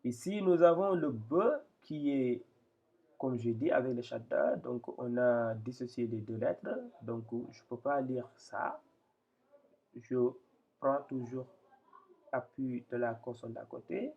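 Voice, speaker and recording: Slow hesitant man teaching reading. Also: medium pitch, creaky. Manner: hesitant, repeats phrases, spells out syllables slowly. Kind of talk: slow step-by-step reading lesson. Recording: dull lo-fi sound.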